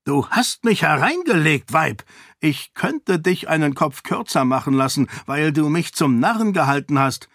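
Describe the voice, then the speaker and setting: A man voicing a quick-tempered, greedy middle-aged king who snaps scornfully in a storybook reading. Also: fairly high pitch, expressive, husky, dry recording, studio quality, voice pushed up, heavily acted. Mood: angry. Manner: snapping, scornful, loud.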